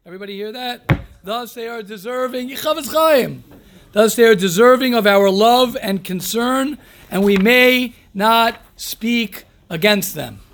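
A man's voice: extremely high pitch, measured pace, fairly bright tone, a little hiss or hum. A man teaching an informal religious class, reading aloud and commenting emphatically, repeating phrases and asking rhetorical questions. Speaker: rabbi teaching a daily class.

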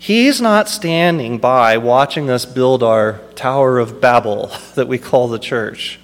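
A man's voice: medium pitch, expressive, slow pace, in a large hall. A man preaching a sermon as pastor, with impassioned delivery that builds to emphatic peaks.

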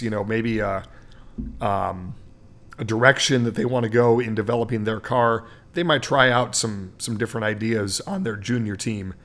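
A man's voice: medium pitch, fairly bright tone. A man co-hosting a sports podcast, explaining racing at length in a casual chat, with many fillers. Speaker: podcast co-host.

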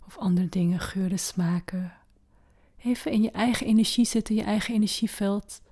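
A woman leading a guided meditation slowly and gently, with long pauses, in a soft voice that often turns to a breathy near-whisper. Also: medium pitch.

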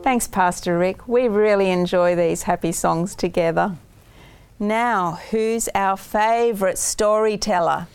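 Cheery, slow-talking woman hosting for kids. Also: medium pitch, slight background noise. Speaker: children's programme host. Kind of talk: presenting a children's show.

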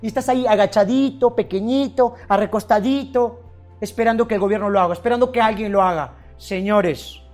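A man giving an impassioned motivational speech, swinging between loud bursts and hushed, intense lines. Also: sits high, a little fast, soft background music. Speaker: motivational speaker.

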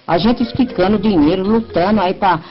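A woman's voice: medium pitch, brisk, highs cut off, faint music behind. A woman caller giving her opinions in a lecturing way on a radio show.

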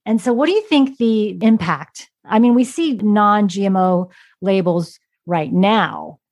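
A woman hosts a podcast interview, asking questions with curiosity and thinking aloud as she goes. She has an everyday, middle-pitched voice for a woman. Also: slow pace, a little mellow. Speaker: podcast host. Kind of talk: conversational interview.

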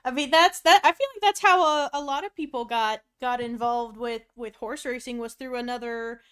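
A woman's voice: a little high, normal speed, fairly bright tone, clean tone. A woman co-hosting a podcast, chatting casually with lots of fillers. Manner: filler-heavy, laughs often. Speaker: podcast co-host.

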